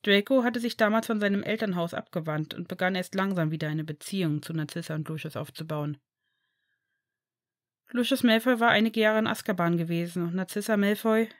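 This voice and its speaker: A woman reading a fan fiction story aloud in an even storytelling manner. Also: medium pitch, no room sound, studio quality. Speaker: audiobook reader.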